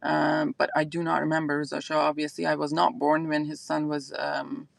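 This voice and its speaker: The voice sits low, creaky, and level in tone, moving at a normal speed on a dry recording. It belongs to a woman from Iran, a native Azeri speaker with an Iranian accent, who runs a fragrance channel and thinks aloud through a relaxed livestream chat full of fillers.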